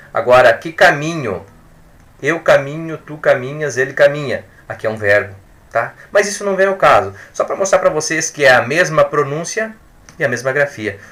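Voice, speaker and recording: Bright-voiced male grammar teacher. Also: medium pitch. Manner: emphatic, repetitive drilling with asides and jokes. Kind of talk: recorded grammar lesson.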